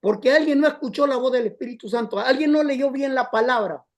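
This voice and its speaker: A pastor preaching a storytelling sermon, impassioned and addressing the congregation as brothers. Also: male voice, very high-pitched, a little fast.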